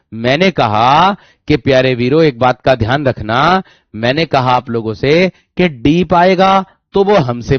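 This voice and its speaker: Teacher repeating slowly, lo-fi. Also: male voice, medium pitch, no echo. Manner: repetitive, dictates slowly, keeps asking if it's clear. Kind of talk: online exam-prep class. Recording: dry, dull lo-fi sound.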